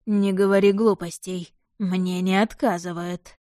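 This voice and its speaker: Female reader voicing a proud, raging demon-dragon emperor from an audiobook; slow, hoarse, hissing, mellow dry tone. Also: medium pitch, steady tone, dry recording, natural voice. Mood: possessive. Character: arrogant furious male demon-dragon emperor.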